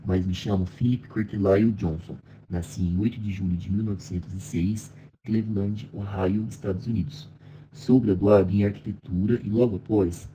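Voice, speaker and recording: A young Brazilian man speaking as a well-known American modernist architect, reading a scripted first-person biography in a measured, reflective way for a class project. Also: lowish voice, mellow, slight background noise, close to an everyday voice, rough recording. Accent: Brazilian Portuguese. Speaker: architecture student.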